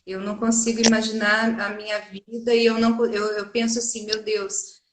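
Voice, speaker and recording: A woman teacher with a Brazilian Portuguese accent answers interview questions earnestly, explaining through many examples and tag questions. Her voice is fairly high with little pitch movement and a brisk pace. The recording is echoey, with background noise.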